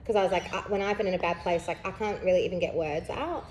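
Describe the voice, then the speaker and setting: A woman's voice: fairly low pitch, fast talker, a little mellow. Rambling young woman chatting candidly. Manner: rambling, lots of fillers, laughs through heavy topics. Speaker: podcast host. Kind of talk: casual candid chat.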